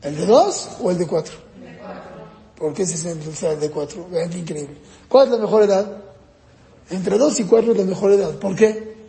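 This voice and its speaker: A man lectures on raising children in an echoey hall with long reverb, asking his listeners questions and acting out kids and parents in raised voices. His voice sits high and mellow, at a moderate pace with frequent pauses.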